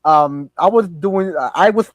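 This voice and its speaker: Casting: young male host, light high voice, dry sound, halting and rambly. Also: no echo. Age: young adult. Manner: rambling, hesitant with many fillers. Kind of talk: casual interview chat.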